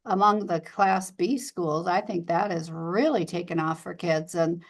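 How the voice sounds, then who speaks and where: A woman's voice: fairly low pitch, steady tone, measured pace. A woman guest talking casually in a small-town community chat. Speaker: interview guest.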